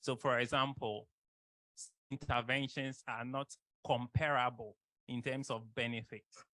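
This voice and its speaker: Male expert trainer, mid-pitched, deliberate explanations, very little room sound. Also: little pitch movement, bright, forceful tone, no echo. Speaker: co-facilitator, expert.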